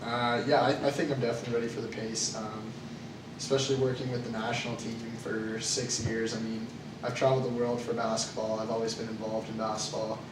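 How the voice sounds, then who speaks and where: This student role-play job interview takes place in a classroom, with a young male Canadian student as the nervous applicant. His medium-pitched voice is flat and halting, full of uh and um fillers, and the audio comes from across a noisy, echoey room, far from the mic.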